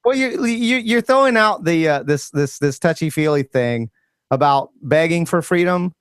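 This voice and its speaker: A man's voice: fairly high pitch, animated, clean tone, dry recording, studio quality. A man arguing in a casual political chat, his mic peaking with clipped, distorted sound. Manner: argumentative, fast restarts. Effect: clipping, distorted mic from peaking gain. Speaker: co-host.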